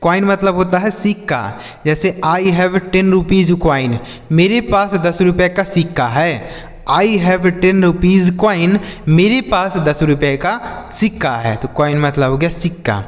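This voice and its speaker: A man teaches English words at a slow, deliberate pace in a fairly high voice. He spells each word letter by letter, repeats it, and quizzes himself before answering. The recording has a long reverb tail. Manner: asks and answers his own questions. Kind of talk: slow spoken English lesson for beginners.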